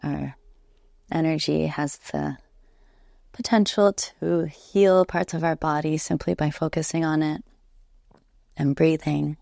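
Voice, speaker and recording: A woman working as a yoga nidra instructor leads a relaxation meditation, soothing and unhurried, with long pauses between her gentle instructions. Her voice is low, gravelly and steady in tone. The recording is studio quality with no room sound.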